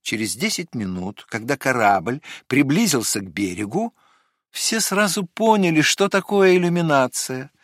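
A man reading a children's storybook aloud with expressive, animated storytelling. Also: mid-range voice, moderate pace, dry recording, clean studio sound. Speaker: narrator.

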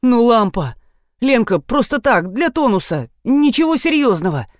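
A woman's voice: fairly high pitch, sing-song, normal speed, no echo, studio quality, pitched above the performer's own voice. A woman voicing a married male forensic expert who mumbles evasively when caught out. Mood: nasal pleading.

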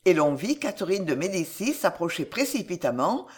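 A narrator reading a historical novel aloud in a measured, expressive way. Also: medium pitch, husky. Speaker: audiobook narrator.

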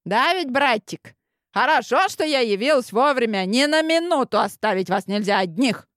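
A man's voice: very high-pitched, animated, normal speed, a bit bright, no room sound, clean studio sound, pitched above the performer's own voice. A man reading an audiobook, voicing a cheeky, mocking young sister. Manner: mocking, sly. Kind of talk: audiobook narration.

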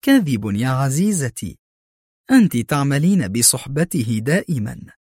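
A man voicing a cold, cunning female spy who speaks in sharp, harsh, mocking tones. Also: medium pitch, very animated, normal speed, breathy edge, no echo, clean studio sound. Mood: scornful.

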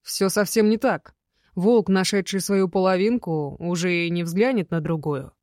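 A woman's voice: lowish voice, moderate pace, darkish tone, dry recording, studio quality, natural voice. A woman doing a blunt, wry young werewolf man. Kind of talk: audiobook character voice.

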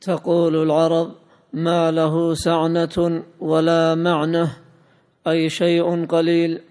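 A man reading a classical commentary aloud in a smooth, measured recitation for a lesson. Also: on the high side, monotone, a little mellow. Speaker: student reading the text aloud. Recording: long hall reverb.

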